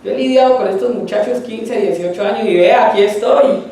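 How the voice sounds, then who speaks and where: A middle-aged man with a Colombian accent gives a sermon in a conversational way and keeps putting questions to his listeners. His voice is mellow and a little dark in tone. It was recorded from a distance in a strongly echoing church hall, with a faint hiss behind it. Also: sits high, fairly quick. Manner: conversational, asks the congregation questions. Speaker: preacher. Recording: echoey hall, distant mic.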